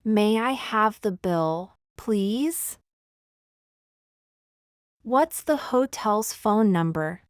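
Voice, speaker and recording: A woman reading short everyday phrases one at a time for language learners, slow and deliberate. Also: mid-range voice, lively intonation, clear, resonant tone, dry recording, clean studio sound. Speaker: language teacher.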